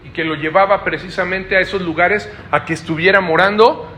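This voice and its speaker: Man, preacher, explanatory Bible teaching, light high voice. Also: steady tone, brisk, sharp tone, slight background noise. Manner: explanatory, asks listeners frequent rhetorical checks.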